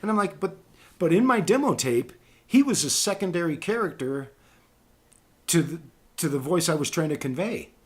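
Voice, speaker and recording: A man's voice: fairly high pitch, normal speed. A man hosting a casual talk show, telling voice-acting stories and acting out the quotes. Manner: animated storyteller, acts out quotes. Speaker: podcast host and voice actor. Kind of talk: casual chat.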